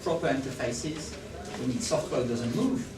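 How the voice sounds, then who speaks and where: Heard from afar in a spacious conference hall, a man with a French accent gives a talk at a moderate pace in a mid-range voice. He's lively and keeps asking the audience whether they're following and agree with him. The background is noisy.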